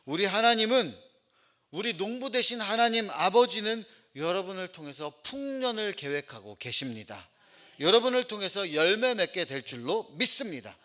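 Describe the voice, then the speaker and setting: A middle-aged male pastor delivers a sermon in a church. His voice sits a little high and sounds bright and forceful. He swings his pitch widely and keeps putting questions to the congregation. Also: moderate pace. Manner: expressive preaching, asks the congregation questions and acts out quoted voices. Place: church sanctuary.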